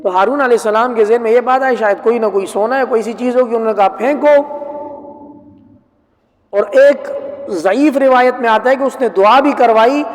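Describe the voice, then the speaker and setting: High-voiced male preacher in an echoing hall. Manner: lively storyteller, asks listeners rhetorical questions. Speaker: Quran teacher. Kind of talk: storytelling Quran commentary lecture. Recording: long reverb from a hall.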